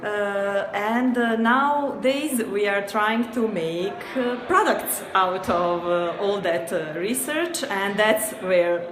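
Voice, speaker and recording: A slow-talking woman with a Serbian accent, pausing often on fillers as she explains her work. Her voice rings in an echoey room with a crowd chattering behind her. The pitch sits in an ordinary middle range. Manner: hesitant, many fillers, light laughs. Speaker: guest, company co-founder. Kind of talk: interview answers. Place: noisy event venue. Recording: echoey busy venue with crowd.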